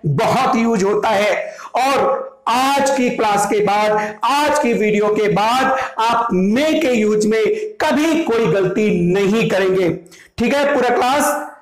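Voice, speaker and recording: Slow, high-voiced Indian male teacher. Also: echoey room, poor audio. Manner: explains step by step, repeating each point in English then Hindi. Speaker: spoken English teacher. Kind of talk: classroom language lesson. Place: classroom with students.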